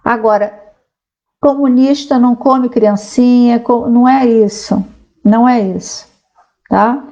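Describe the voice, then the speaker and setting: A woman's voice: a little high, steady tone, slow, mellow, highs cut off. Chatty woman explaining politics. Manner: conversational, frequent tag questions, reads aloud from a site. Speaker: sociologist commentator. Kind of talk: casual explanatory talk to viewers.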